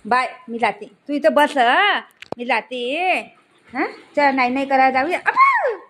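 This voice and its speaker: A woman's voice: sits high, measured pace. A woman at home talking to her pet dog, coaxing and scolding it with short, repeated commands, recorded on a phone. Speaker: pet owner. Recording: noisy home video with dog barking.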